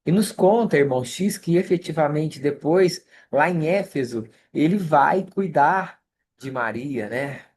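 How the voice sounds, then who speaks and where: A study group leader with a Brazilian Portuguese accent teaches an online scripture class. The talk is easygoing and conversational and often pauses to check in with listeners. It is heard through a video call microphone. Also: medium pitch, animated, darkish tone, a little hiss or hum.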